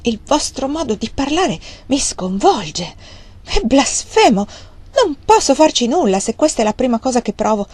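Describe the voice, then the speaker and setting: A woman's voice: a little fast, darkish tone, close to an everyday voice. A woman reading aloud, voicing a proud young Victorian woman who answers with indignant dignity. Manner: raised pitch, tearful indignation.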